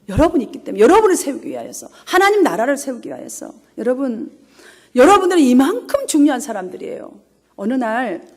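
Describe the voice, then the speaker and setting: Lively high-voiced woman pastor preaching. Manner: emphatic, storytelling, with laughs. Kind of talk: sermon. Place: church sanctuary.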